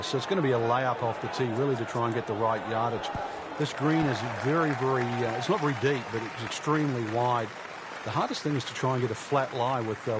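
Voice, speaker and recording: A man giving conversational golf commentary as an analyst, chatty and informal in his delivery. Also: medium pitch. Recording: outdoor crowd noise throughout. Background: loud crowd and outdoor ambience.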